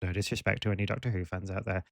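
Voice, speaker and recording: A man talking casually on a podcast. His remarks are wry, sarcastic and self-deprecating. His voice is fairly low and dry, recorded close. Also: level tone, racing, gravelly, no room sound. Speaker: podcast co-host. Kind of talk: casual chat.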